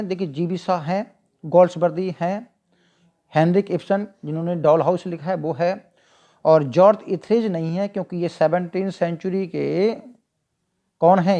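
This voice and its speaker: A teacher with an Indian accent explains multiple-choice exam questions, reading each English question slowly, asking it back to the listener, then answering it. The voice is medium-pitched and mellow.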